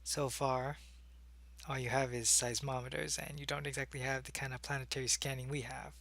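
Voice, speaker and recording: Here a man with a mid-range, creaky, slightly bright voice talks fairly quickly in a level tone. It's an acted ASMR monologue in which he plays a secretive yet earnest alien agent, hesitantly explaining himself to a human in an intimate, one-sided exchange.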